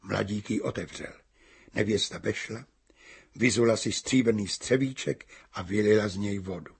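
A man reading literary fiction aloud as narrator, measured and deliberate. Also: lowish voice, vocal fry, slightly rough. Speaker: reader.

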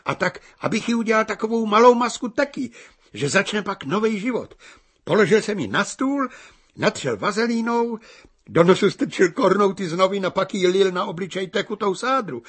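A man voicing a young man who shouts his story intensely in a storybook reading, with a husky voice. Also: high-pitched, animated, voice pushed up, exaggerated voice. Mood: shouting. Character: young man, shouting over wind, heartfelt.

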